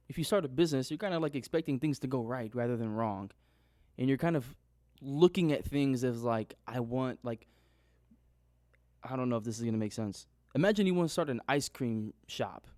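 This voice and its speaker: A young man thinks out loud in a loose, unscripted monologue, circling back on his points and restarting sentences as he goes. His voice sits at an ordinary pitch. The sound is dry and close, recorded on his own microphone in a small room. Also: no echo. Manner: rambling, self-questioning, restarts often. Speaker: trading vlogger.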